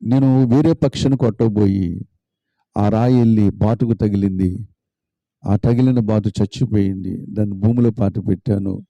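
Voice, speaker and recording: A man's voice: on the low side, steady tone, normal speed, mellow, no echo, dull audio. Casual: guy doing a sorry young kid confessing to his dad, pleading, dry close sound. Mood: remorseful. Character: remorseful young boy confessing.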